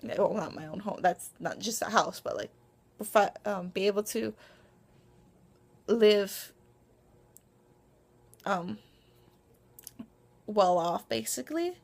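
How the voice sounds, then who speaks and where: Gravelly young woman rambling to camera. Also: mid-range voice, takes it slowly, pauses often. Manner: rambling, lots of ums and restarts, self-conscious. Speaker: vlogger. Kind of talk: casual vlog monologue. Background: dog barking.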